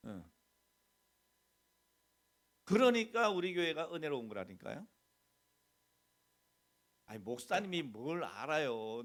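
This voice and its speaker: A middle-aged man, the senior pastor, preaching a conversational sermon. He keeps asking the congregation questions and acts out quoted bits of dialogue. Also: fairly high pitch. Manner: mixes plain talk with quoted mock dialogue.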